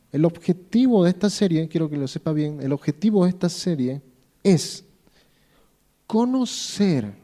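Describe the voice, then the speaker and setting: A pastor with a high, mellow voice preaches to his congregation in a church. He talks to listeners directly and repeats key phrases. His stories come out loose and chatty, full of restarts. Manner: storytelling with many fillers and restarts. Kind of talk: conversational sermon.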